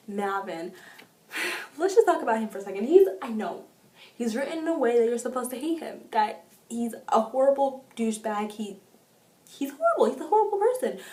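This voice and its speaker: Woman book vlogger, excitable and gushing, recorded from a distance in an echoey room. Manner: gushing, excitable, with sudden pitch jumps. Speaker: book reviewer. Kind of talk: casual book review vlog.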